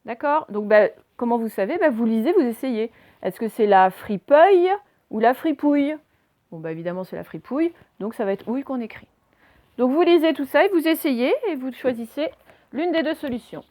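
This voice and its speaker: A woman's voice: on the high side, expressive, fairly quick, a little mellow. A woman teaching a spelling lesson to children, patiently spelling out words letter by letter.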